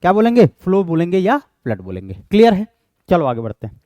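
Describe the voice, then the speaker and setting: A man's voice: sits high, wildly swooping pitch, dark tone, no echo. A man with an Indian accent giving an exam-prep lecture, explaining step by step and answering his own questions. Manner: reads English question text slowly. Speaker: teacher.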